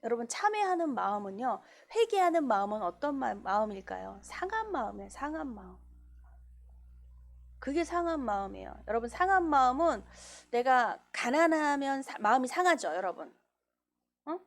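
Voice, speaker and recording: A woman's voice: sits high, big pitch swings, normal speed, vocal fry. A woman preaching a sermon in a church, acting out quoted voices as she goes. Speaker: pastor.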